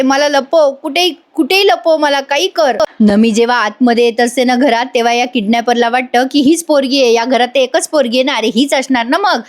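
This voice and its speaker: A fairly high-voiced woman talks through a TV serial episode in a chatty voice-over. She speaks straight to her viewers the whole way, like a host running a regular review show.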